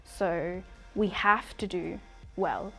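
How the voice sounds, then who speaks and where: A young woman from Afghanistan, giving earnest, reflective interview answers with soft pauses. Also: fairly low pitch, vocal fry, breathy edge, soft background music.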